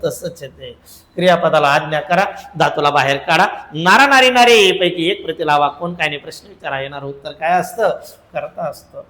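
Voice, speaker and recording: A man's voice: on the high side, fairly bright tone, reverberant, rough recording. A male teacher giving an exam-prep grammar lesson, drilling answers and repeating lists in a chant-like way.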